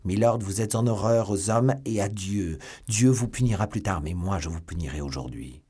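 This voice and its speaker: Man doing a zealous young officer, clipped jerky delivery, deep voice, husky edge, audiobook reading. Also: expressive, normal speed, exaggerated voice. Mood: threatening. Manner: grows more clipped and jerky. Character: fanatical young male officer, pleading then threatening.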